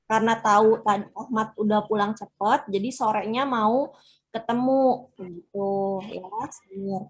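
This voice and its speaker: A woman teaching an online Arabic class, explaining each phrase step by step with many fillers. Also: husky. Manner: acts out dialogue lines with lively raised pitch.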